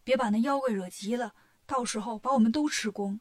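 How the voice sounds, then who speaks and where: A woman's voice: a little high, a little fast, natural voice. A woman voicing a frightened, doubtful temple monk who sounds timid and worried. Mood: scared.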